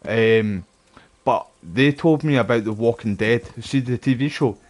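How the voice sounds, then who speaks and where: A man's voice: mid-range voice, unhurried, a little mellow. A man with a Glasgow street accent giving casual, rambling gameplay commentary, full of cheeky slang and swearing. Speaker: gaming streamer.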